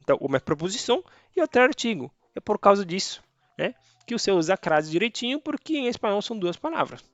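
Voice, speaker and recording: A man's voice: sits high, big pitch swings, fast talker, fairly bright tone, no room sound. A man whose first language is Spanish, teaching Spanish grammar in a casual online lesson and checking in often with his viewers. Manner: chatty, checks in with tá and beleza.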